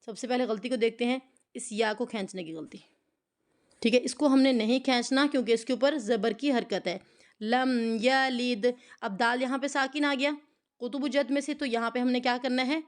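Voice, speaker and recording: A woman teaching Quran recitation in an online lesson, patiently explaining each rule and then reciting phrases slowly for her students to repeat. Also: a little high.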